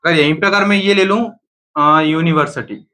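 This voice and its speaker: High bright-voiced male teacher. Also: moderate pace. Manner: asks students questions and answers them himself. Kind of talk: classroom grammar lesson.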